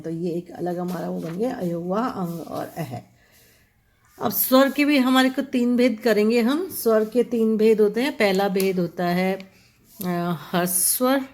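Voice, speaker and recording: A woman's voice: mid-range voice, a little mellow. A woman teacher giving a grammar lesson, going through letters one at a time, repeating each term and checking with her students as she writes. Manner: slow, repeats terms, checks with "ठीक है".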